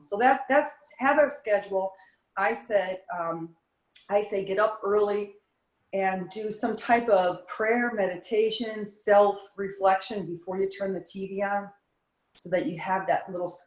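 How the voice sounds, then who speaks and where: A woman, a yoga and fitness instructor, eagerly giving wellness advice in a casual interview. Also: fairly low pitch. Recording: roomy echo.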